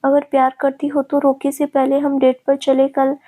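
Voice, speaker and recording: A woman voicing a doting young man who speaks tenderly and jokes gently with his fiancée, in a storybook reading. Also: sits high, completely flat delivery, moderate pace, close to an everyday voice.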